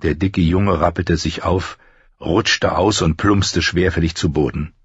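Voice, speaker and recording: A man narrating an audiobook with a steady, measured reading. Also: low-pitched, slightly rough, no room sound, highs cut off. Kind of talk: scripted narration.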